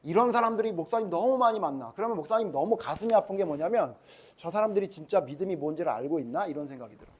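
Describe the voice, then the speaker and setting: A man's voice: sits high, expressive, racing, a little mellow. A male pastor giving a Sunday school sermon to children, chatting with them and quizzing them with questions.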